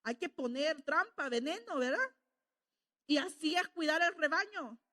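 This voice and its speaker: High-voiced woman preaching a sermon. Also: measured pace, sharp tone. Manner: conversational, asks the congregation "¿verdad?".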